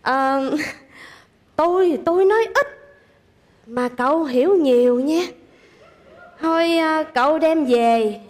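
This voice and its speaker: A woman playing a poor but proud old grandmother who slowly scolds a showy visitor in a comedy sketch. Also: sits high, long reverb tail. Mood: dignified reproach.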